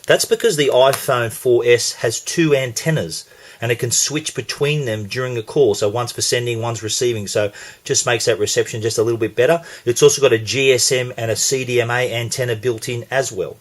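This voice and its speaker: An Australian man hosting a relaxed gadget demonstration in an easy middle-pitched voice. He talks through each step in a chatty, explanatory way, sometimes restarting a phrase mid-thought. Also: a little fast. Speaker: tech reviewer. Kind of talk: casual product demo.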